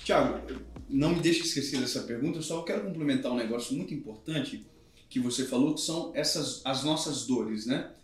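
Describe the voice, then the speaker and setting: A man's voice: medium pitch, a little fast. A man in his thirties, a pastor, speaking earnestly and emphatically in a podcast conversation. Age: 30s. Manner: earnest, emphatic, teaching with examples. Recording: very echoey room with music behind.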